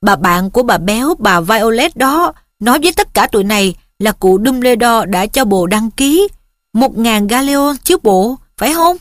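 A woman reads a jealous teenage boy who needles his best friend with sarcasm, in a higher voice that rises sharply at the digs. The storybook sound is close and dry. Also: expressive, moderate pace, no room sound, natural voice. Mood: sarcastic.

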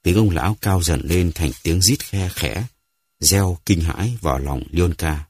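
A man narrating a dramatic story in a measured, dramatic way. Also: deep voice, a little mellow, slightly rough, no room sound, clean studio sound.

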